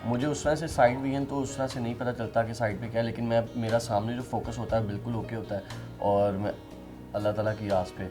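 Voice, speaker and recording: A young man answering interview questions in an earnest, soft-spoken, slightly halting way. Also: mid-range voice, fairly even intonation, music in the background. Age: young adult. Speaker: interviewee, musician.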